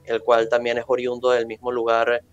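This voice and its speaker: A man, answering interview questions in a measured, formal way with many fillers. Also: medium pitch, completely flat delivery, clean tone, dull audio, faint music behind. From Venezuela. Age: 20s. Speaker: interview guest.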